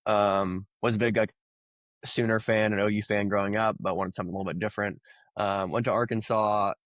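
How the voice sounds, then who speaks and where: In a dry recording, a crypto founder from Oklahoma, USA, speaks as a guest in a casual, conversational interview. His voice is low, and his storytelling is relaxed and rambling, full of fillers.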